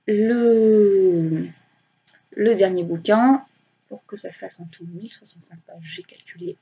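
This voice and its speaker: A woman's voice: mid-range voice, warm tone, breathy edge, highs cut off. A young woman chatting casually about her reading weekend, rambling with many hesitations and self-corrections and poking fun at herself. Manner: self-mocking. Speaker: booktuber.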